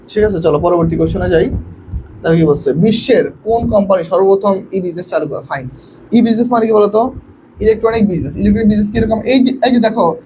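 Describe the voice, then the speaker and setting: A young man from Bangladesh teaching an online admission coaching class, quizzing students and urging them to answer quickly, often repeating himself and mixing in English words. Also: high-pitched, noisy background. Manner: repetitive, mixes in English words.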